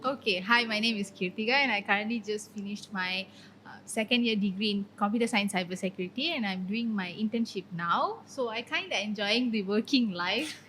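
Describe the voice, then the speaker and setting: A woman's voice: medium pitch, fairly quick, sharp tone, a little hiss or hum, rough recording. A young woman in her twenties, a student guest on a podcast, speaking in a chatty, cheerful way with many fillers. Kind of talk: casual podcast chat.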